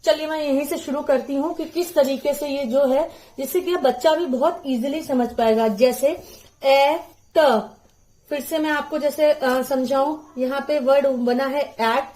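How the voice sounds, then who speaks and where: A woman giving a patient phonics lesson, sounding out syllables slowly for parents and teachers to repeat to children. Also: high voice, fairly even intonation, a little mellow.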